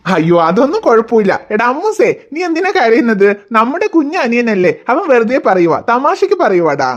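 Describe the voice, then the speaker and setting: A woman playing a gentle cartoon dad. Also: fairly high pitch, very animated, moderate pace, dull audio. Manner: reassuring, mock-scolding. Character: cartoon father, gentle and scolding. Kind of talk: cartoon voice acting.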